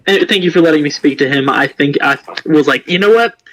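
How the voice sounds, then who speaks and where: A man playing a tabletop game, talking in excitable, quick bursts during casual chat. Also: on the high side, low-quality recording. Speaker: player.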